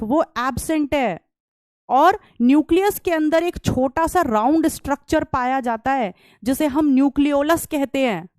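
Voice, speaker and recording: A woman teacher giving an online lecture, explaining step by step, asking questions and answering them herself, speaking softly and chatting with her students. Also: high-pitched, dry recording. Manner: chatty, calls students "beta"; soft-spoken, won't shout.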